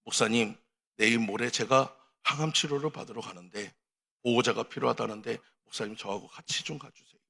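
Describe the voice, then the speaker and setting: A man voicing a sick, humbled older church elder who speaks low, quiet and pleading. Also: normal speed, creaky, pauses often, breathy edge, exaggerated voice. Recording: long reverb of a large hall.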